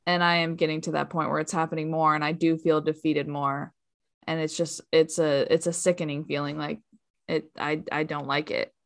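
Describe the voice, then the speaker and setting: A woman's voice: sits low, little pitch movement, moderate pace, gravelly. A woman in her late twenties, a teacher, chatting casually with dry, sarcastic humor. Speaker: teacher, podcast guest. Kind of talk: casual chat.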